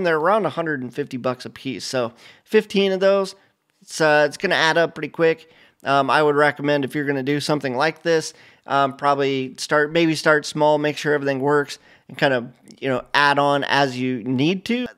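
A middle-aged man hosting a casual flight simulator video, talking over a screen share in a relaxed, rambling way full of fillers and restarts. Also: mid-range voice. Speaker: flight sim channel host. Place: home studio, indoors.

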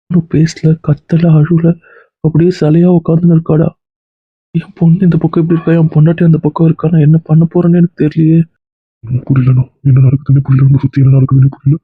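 A man's voice: a little high, flat delivery, no echo. A man playing a distraught middle-aged father who desperately begs to see his injured daughter. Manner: desperate rapid pleading. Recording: husky voice on phone-like dry recording.

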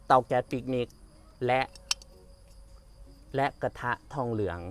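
A man's voice: mid-range voice, slow pace, smooth. A man doing a casual unboxing review, chatting in a loose, rambling way and laughing often. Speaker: product reviewer.

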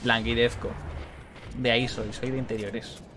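A man's voice: medium pitch, little pitch movement, normal speed, background noise. Joking Madrid man streaming a game. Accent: Madrid Spanish. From Spain. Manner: rambling, self-mocking, jokey asides. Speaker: gaming streamer. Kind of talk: casual live-stream commentary.

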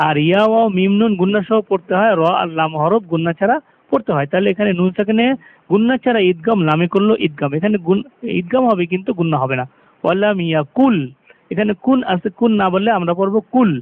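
A man teaching Quran recitation, explaining pronunciation rules step by step and slowly chanting the verses. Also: high-pitched. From Bangladesh. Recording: tinny lo-fi phone-like sound.

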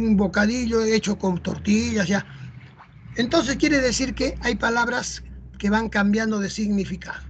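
A chatty Peruvian teacher walks through a lesson in a Peruvian Spanish accent, frequently adding rhetorical "¿no?" and "¿ah?". The medium-pitched voice is a bit bright, with a little hiss or hum.

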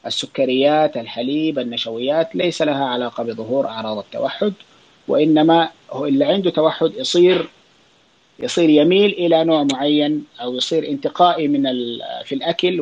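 A man with a Saudi accent, a child psychiatrist, answering listener questions in a relaxed spoken Q&A, explaining with fillers and quick restarts. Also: on the high side, muffled recording, slight background noise. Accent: Saudi Arabic. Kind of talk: casual spoken Q&A on an online audio space.

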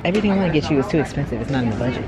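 A woman's voice: deep voice, lively intonation, racing. A young American woman chatting casually for a vlog as she walks through a shopping mall. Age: young adult. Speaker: vlogger. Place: busy indoor shopping mall and clothing stores. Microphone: handheld camera at arm's length. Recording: loud mall crowd and music behind. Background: music and shopping mall crowd bustle.

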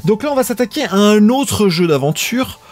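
A man hosts a live stream in an easygoing, rambling way, talking straight to his viewers. His voice sits a little high for a man. Faint music plays quietly behind him. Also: expressive, normal speed. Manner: laid-back, rambling, chatting with viewers. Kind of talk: casual live-stream chat.

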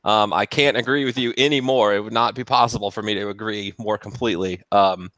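A man's voice: lowish voice, steady tone, fairly quick, a bit bright, no echo. A man, a mechanic, talking cars in a casual chat and laughing often. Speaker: mechanic, guest.

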